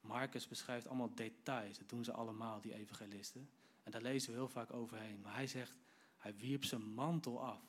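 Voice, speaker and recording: Guy preaching, tells the story lively, talks right to the crowd, middle pitch. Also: a little fast, husky. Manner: lively storytelling, acts out quoted lines; addresses the audience directly. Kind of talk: sermon retelling a Bible story.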